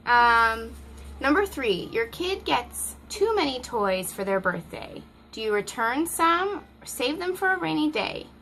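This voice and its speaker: A woman's voice: high-pitched, very animated, a little slow, vocal fry, bright, forceful tone, slight background noise. A mom vlogger chatting casually to the camera at home, laughing often and breaking off to talk to her toddler. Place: family home, indoors.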